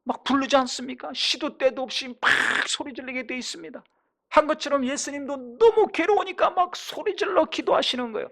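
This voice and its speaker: A pastor preaching a sermon, emphatic and full of rhetorical questions, his voice swinging between loud and quiet. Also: very high-pitched, a little fast.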